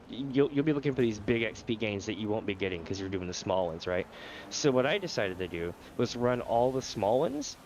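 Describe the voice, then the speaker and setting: This is live gameplay commentary from a man whose sore throat gives him a nasal sound. He explains the game to his stream viewers casually and laughs frequently. The voice sits lowish, and there's faint background noise.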